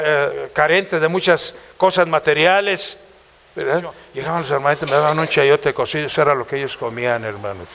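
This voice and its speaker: A man's voice: a little high, a bit bright, slight background noise. A man with a Mexican accent preaching a passionate church sermon, firing rhetorical questions at the congregation. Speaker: pastor.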